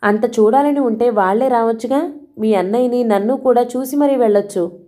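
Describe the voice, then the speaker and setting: A woman's voice: on the high side, moderate pace, warm tone, voice pushed up, lightly acted. Woman reading a terse, hurt young wife. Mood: evasive. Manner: terse, brushing things off.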